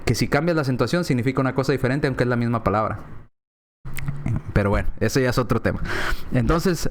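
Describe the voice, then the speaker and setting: Male preacher, higher than usual pitch, animated sermon delivery, acts out quoted voices, keeps checking in with his listeners. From Spanish-speaking, lives in Texas. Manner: often adds tag questions. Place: church.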